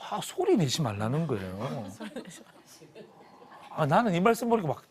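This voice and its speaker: A middle-aged man teaches a Bible class on television. His voice sits high for a man and swings widely in pitch. He talks in an animated way, acts out little scenes and has the audience repeat phrases after him. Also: moderate pace. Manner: animated, acts out quarrels, leads call-and-response. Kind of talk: lively televised Bible lesson.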